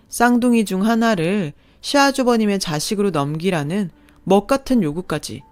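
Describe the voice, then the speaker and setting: A woman narrating a first-person radio-drama story in a calm, steady storytelling voice. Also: mid-range voice, no echo.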